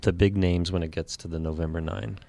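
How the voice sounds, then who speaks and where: Male radio co-host, lowish voice, measured and analytical delivery. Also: steady tone, gravelly, warm tone. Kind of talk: casual radio chat. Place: radio studio.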